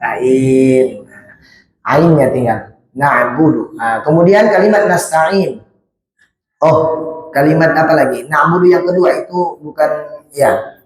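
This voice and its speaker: High-voiced man teaching recitation in echoey hall. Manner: patient, demonstrates verses slowly, then corrects. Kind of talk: Quran recitation lesson.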